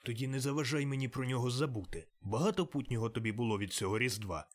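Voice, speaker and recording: A man's voice: mid-range voice, fast, close to an everyday voice. A man voicing a cold, grumbling old miser who answers curtly. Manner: grumbling, curt.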